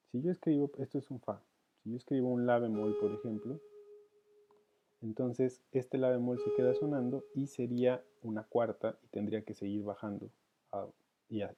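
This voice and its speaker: Male music teacher, fairly low voice, hesitant think-aloud delivery, muffled lo-fi recording. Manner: thinks aloud with many fillers and restarts. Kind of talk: counterpoint lesson, thinking aloud. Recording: dull lo-fi sound.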